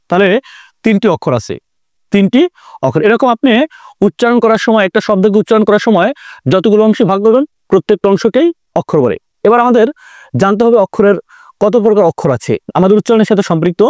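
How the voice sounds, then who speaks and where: A man's voice: sits high, a little mellow, no room sound, clean studio sound. A man teaching an online grammar lesson, repeating key points and drawing out words for emphasis. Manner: repetitive, explanatory, drawn-out emphasis.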